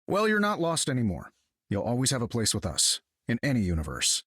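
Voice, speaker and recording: A man's voice: medium pitch, huge pitch swings, fairly quick, fairly bright tone, husky, no room sound, studio quality, heavily acted. A man voicing a confident, wisecracking inventor superhero in a video game, wry and casual. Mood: wry, friendly. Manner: wry, casual, self-assured. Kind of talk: video game character acting.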